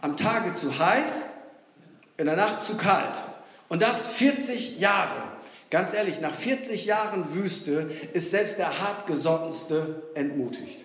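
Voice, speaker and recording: A pastor preaching with a high voice, his delivery animated as he moves between ringing exclamations and quiet asides. The sound is very echoey, with the long reverb of a church hall behind him. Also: takes it slowly. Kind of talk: sermon.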